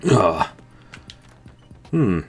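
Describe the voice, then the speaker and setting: A man's voice: lowish voice, husky. A British man with a non-London accent, joking and laughing through casual game commentary. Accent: British, not London. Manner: joking, laughing, dry asides. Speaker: gaming channel host.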